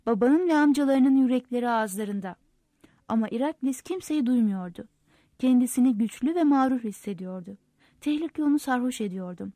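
A woman narrating a novel aloud in a steady, measured storytelling manner. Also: fairly high pitch, no room sound. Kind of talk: audiobook narration.

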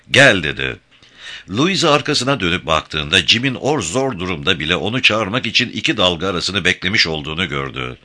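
A man reading a novel aloud as audiobook narration, expressive and voicing the characters. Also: low voice. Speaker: audiobook reader. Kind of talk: scripted narration.

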